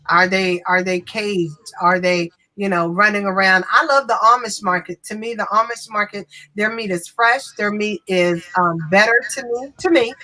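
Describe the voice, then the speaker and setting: A woman's voice: medium pitch, normal speed, few pauses, pushed and bright. A woman in her fifties hosting an online talk show from her home office, chatty and upbeat. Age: 50s. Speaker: show host.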